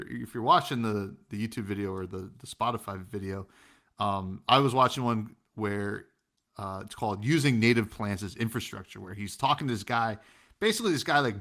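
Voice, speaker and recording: A man's voice: on the low side, vocal fry, fairly bright tone. A man co-hosting a casual podcast, talking animatedly with many fillers and acting out quotes. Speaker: podcast co-host.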